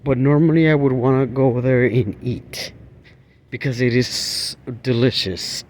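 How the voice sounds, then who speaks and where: Vlogger, male, slow unhurried delivery, rambling walk-and-talk outdoors, passing traffic behind. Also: medium pitch, steady tone, darkish tone. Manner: rambling, halting, with many fillers and restarts. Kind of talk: walking vlog, casual rambling talk. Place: outdoors, walking along a street.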